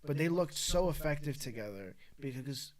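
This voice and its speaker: Animated young man hosting a sports chat. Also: a little high. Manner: animated, quick back-and-forth with repeated restarts. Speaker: podcast host.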